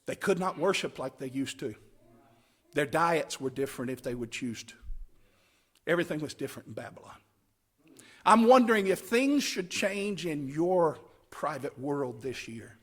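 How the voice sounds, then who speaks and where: High-pitched, animated male preacher. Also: moderate pace. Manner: emphatic, dramatic delivery swinging from hushed phrases to loud cries; rhetorical, repeats short phrases for emphasis. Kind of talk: camp meeting sermon.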